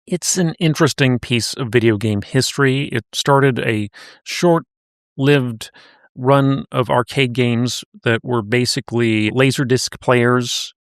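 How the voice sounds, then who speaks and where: A man co-hosting a casual podcast, walking a listener through old cartoons in an easygoing storytelling way. His voice sits at an ordinary middle pitch. The recording is dry, with little room sound. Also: fairly even intonation, slow pace, clean tone, no room sound. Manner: recapping in a conversational storytelling way. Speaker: podcast co-host.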